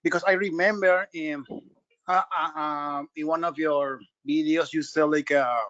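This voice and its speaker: A man's voice: a little high, fairly even intonation, fairly bright tone, dry recording, lo-fi sound. Eager Peruvian-born man calling in. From Peru. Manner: eager, halting, many fillers. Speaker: caller.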